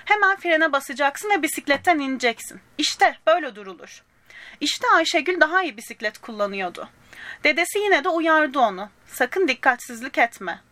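A woman reading a children's storybook aloud in a gentle manner, speaking directly to young listeners and giving the characters small voices. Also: high-pitched, lively intonation, a little fast, no room sound.

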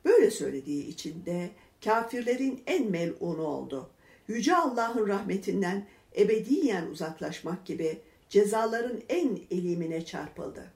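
A woman reading a religious story aloud in a measured, expressive way, voicing the lines of its characters. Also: medium pitch, gravelly. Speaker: reader. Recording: echoey room.

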